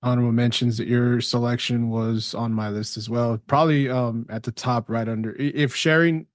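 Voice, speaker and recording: A man co-hosting a podcast, talking casually in a measured way with many fillers. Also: mid-range voice, steady tone, no room sound, studio quality. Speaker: podcast co-host. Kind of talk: casual chat.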